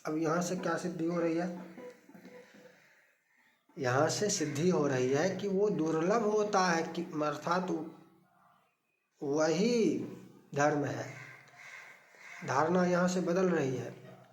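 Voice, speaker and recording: A man giving a slow, explanatory discourse on scripture, asking questions and answering them himself and reciting Sanskrit verses. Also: fairly high pitch, reverberant, slight background noise. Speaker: religious teacher.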